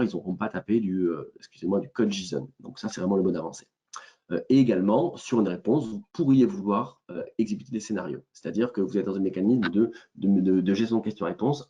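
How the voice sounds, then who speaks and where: Hesitant southern French man demoing software. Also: low voice, muffled recording. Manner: hesitant, many fillers and restarts. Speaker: software presenter. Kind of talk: webinar product demo.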